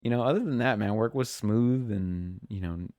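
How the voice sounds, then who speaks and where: This man's voice is fairly low and a little mellow, at normal speed with no room sound. Co-hosting a relaxed podcast, he rambles through long tales of his work week, doing his coworkers' voices in quotes.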